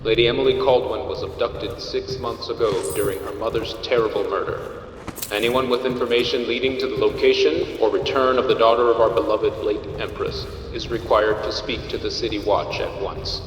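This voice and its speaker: Stern loudspeaker announcer. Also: male voice, mid-range voice, fairly even intonation, moderate pace, distant mic, a little hiss or hum. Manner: formal, commanding official announcements. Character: stern male city announcer, official and cold. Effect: public loudspeaker broadcast, like a megaphone. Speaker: city public address announcer. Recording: echoey street loudspeaker with long reverb.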